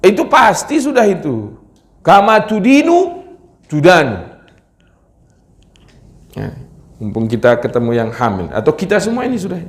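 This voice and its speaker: A man preaching a Friday sermon to a mosque congregation, lively, scolding and joking the crowd. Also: high voice, measured pace, pauses often. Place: mosque hall. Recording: echoey mosque hall.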